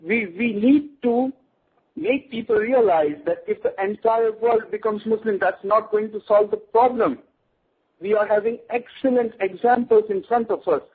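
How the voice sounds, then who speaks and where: This radio show guest calls in on a thin, tinny phone connection, and his high-pitched, slightly gravelly male voice drives home his points in an emphatic, lecturing way.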